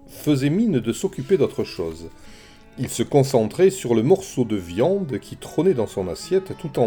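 A man reads a storybook aloud with an expressive, animated delivery. His tone is warm and mellow, and his pitch moves a lot. Faint music runs behind him. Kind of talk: storybook narration.

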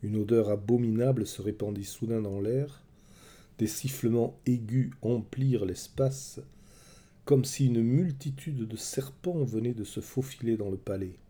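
A man telling a myth in measured, dramatic scripted narration. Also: medium pitch, slightly rough. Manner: measured, dramatic storytelling, soft at the close. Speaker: storyteller.

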